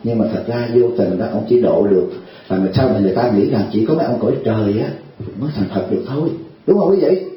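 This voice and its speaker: A man's voice: lowish voice, fast talker, highs cut off. A man, a Buddhist teacher, giving a humorous, chatty sermon at a retreat and constantly asking his listeners "right?". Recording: heavy hall echo.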